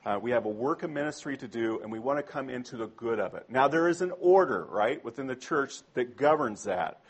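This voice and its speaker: A man's voice: mid-range voice, expressive, fairly quick, husky. A man preaching a sermon to a congregation in a conversational way, often asking them questions.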